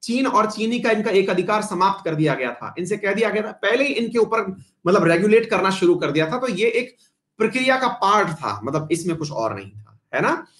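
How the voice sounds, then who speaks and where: A man teaching a live online history class, chatty and often addressing his students warmly, mixing English terms into his talk. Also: sits high, very animated, fairly quick. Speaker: exam-prep teacher.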